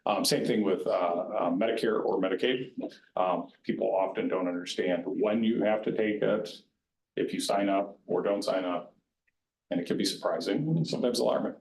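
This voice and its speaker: A man's voice: on the low side, moderate pace, gravelly, darkish tone, slight background noise. A man advising county staff on retirement plans in a plain-spoken, conversational way. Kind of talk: informal educational presentation. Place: county board meeting room. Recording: roomy meeting-room echo.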